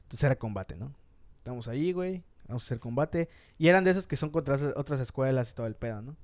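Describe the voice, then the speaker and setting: A Mexican man with a Mexican accent telling a story in fast, slangy casual chat, acting out the lines of the people in it. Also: mid-range voice, expressive, darkish tone.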